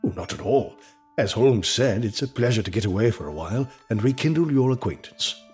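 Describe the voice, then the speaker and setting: A man playing a loyal, kindly Victorian doctor in an audio drama, speaking in a genteel, old-fashioned and expressive way. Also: fairly low pitch, brisk, soft background music, close to an everyday voice. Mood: kindly, concerned.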